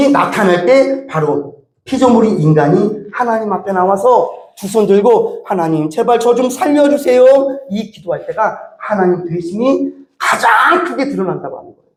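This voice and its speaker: A male pastor preaching a sermon, acting out prayers and pleas in an animated way. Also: high voice, roomy sound. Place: church sanctuary.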